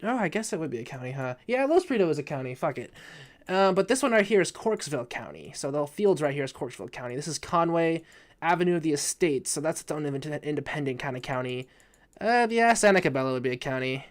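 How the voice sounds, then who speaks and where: Drunk guy streaming from his room, kinda high voice, swears a lot and trips over words. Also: sing-song, quick pace. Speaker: live streamer reacting to a video. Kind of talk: casual live reaction commentary.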